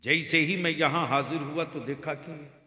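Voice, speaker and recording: A man preaching in Hindi-Urdu at a public religious gathering, moving from calm storytelling to loud shouted climaxes. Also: a little high, normal speed. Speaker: Islamic preacher. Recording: echoey hall with long reverb.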